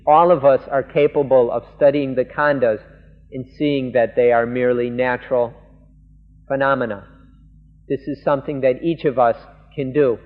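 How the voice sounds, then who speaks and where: A man, a monk, interpreting a Buddhist sermon live, speaking earnestly in halting phrases. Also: medium pitch. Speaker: monk interpreter of a Dhamma talk. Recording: lo-fi 1980s tape in a reverberant hall.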